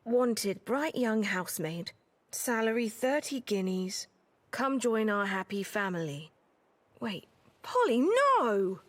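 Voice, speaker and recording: An actress playing a gentle, unsure young footman boy with a worried, hesitant manner, in animated drama style. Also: fairly high pitch, takes it slowly. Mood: puzzled reading.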